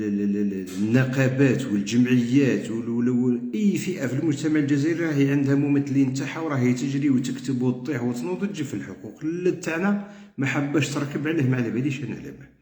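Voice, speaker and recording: A man's voice: medium pitch, rapid-fire, mellow. A middle-aged man with an Algerian Arabic accent, a veterans' group coordinator, making a heated, repetitive appeal to his members. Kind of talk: impassioned spoken appeal. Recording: roomy echo.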